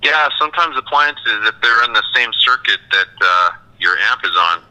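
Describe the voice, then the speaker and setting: A man who works as a music producer, heard over a speakerphone, explaining things casually with hesitant pauses. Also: mid-range voice, animated, pushed and bright, dull audio.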